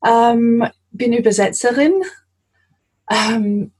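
A woman from London speaks German with an English accent, pausing often and laughing lightly as she talks about her work. Her voice is husky and breathy. She sounds like a guest in her forties in a relaxed interview. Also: a little high. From London, England. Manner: warm, giggly, hesitant with many fillers. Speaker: guest, translator. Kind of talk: casual interview chat.

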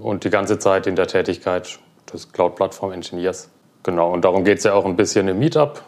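Very deep-voiced young man, relaxed. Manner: relaxed, many fillers like ähm and genau. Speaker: guest, cloud platform engineer. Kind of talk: casual interview.

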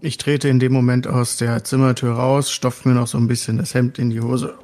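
Mid-pitched man in casual role-play. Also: little pitch movement, a little fast, darkish tone. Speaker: tabletop game player.

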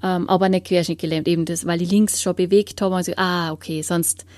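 Earnest woman, soft and dry. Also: fairly low pitch, steady tone, brisk, dry recording. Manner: earnest, searching, often dropping to a hushed whisper. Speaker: interviewee. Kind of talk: personal faith testimony.

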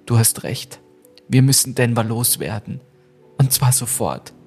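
A man's voice: medium pitch, lively intonation, a little slow, slightly rough, faint music behind. Man reading a young woman who's scared and guilty, voice all shaky. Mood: resolved. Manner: shaky, sobbing. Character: remorseful young woman, sobbing.

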